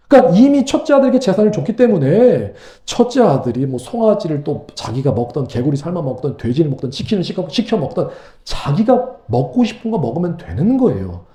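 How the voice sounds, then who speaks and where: A man preaching a sermon as pastor, animated and full of rhetorical questions. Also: sits high, echoey room. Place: church sanctuary.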